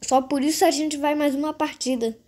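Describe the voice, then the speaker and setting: Female gaming host, notably high-pitched, casual play-by-play aimed straight at viewers, repetitive phrasing. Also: fairly even intonation, fairly quick, darkish tone. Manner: repetitive, addresses viewers directly. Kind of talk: casual game commentary.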